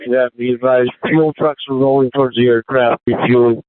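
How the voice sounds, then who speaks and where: A man working as air command dispatcher, giving calm, procedural instructions over a two-way radio. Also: medium pitch, normal speed, dry recording. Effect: heard over a two-way radio. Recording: tinny dry radio transmission.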